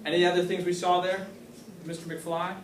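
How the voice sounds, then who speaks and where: A man's voice: high voice, level tone, normal speed, a little hiss or hum. A man teaching a class, asking questions and praising students' answers. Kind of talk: classroom lesson. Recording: roomy classroom, mic far off.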